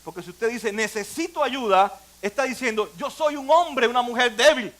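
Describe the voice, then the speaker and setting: High-pitched older man preaching emphatically. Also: normal speed. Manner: emphatic preaching with sudden loud rises and quiet asides. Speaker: pastor. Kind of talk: sermon. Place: church.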